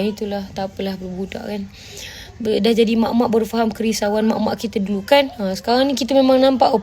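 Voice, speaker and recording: A woman with a darkish, mid-range voice speaks over slight background noise. On her casual livestream she uses a Malaysian Malay accent, scolding her audience and answering comments bluntly while mixing Malay and English, with repeated "faham tak?".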